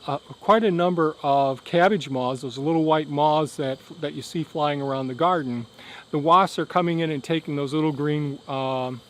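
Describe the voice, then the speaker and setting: A man giving a casual, explanatory outdoor vlog update in a halting way, with a tractor rumbling behind him. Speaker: gardening and beekeeping video host. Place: outdoors on a rural property by a hive hut. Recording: outdoor noise of tractor and insects. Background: tractor rumbling, insects.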